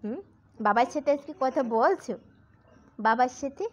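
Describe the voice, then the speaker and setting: A woman's voice: high voice, moderate pace. A woman talking baby talk to her infant in a coaxing voice. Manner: coaxing, sing-song questions. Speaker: mother.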